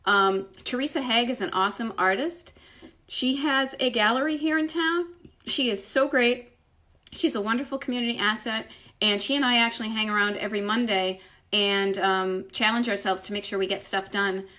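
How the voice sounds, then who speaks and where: Indoors at home, a woman with a slight Boston accent runs a livestream, chatting casually in reply to viewer comments. This retro travel writer rambles with effusive energy and cuts herself off with emphatic asides; her voice is fairly high, steady, and sharp, at a moderate pace.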